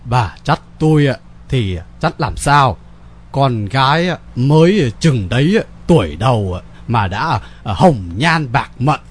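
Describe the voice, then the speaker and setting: A man voicing a weary older father who talks slowly and sighs, dropping polite particles between words. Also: mid-range voice, animated, husky. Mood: resigned. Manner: slow, sighing, sprinkles polite particles.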